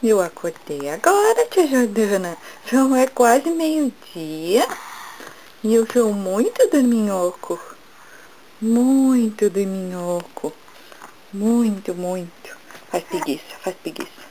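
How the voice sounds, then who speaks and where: A woman speaking for her baby boy as if he were talking, acting out a sleepy little boy who has just woken up, with lazy, drawn-out words. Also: mid-range voice, sing-song, warm tone, slight background noise, low-quality recording. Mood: drowsy, lazy. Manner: drawn-out, lazy, yawning talk.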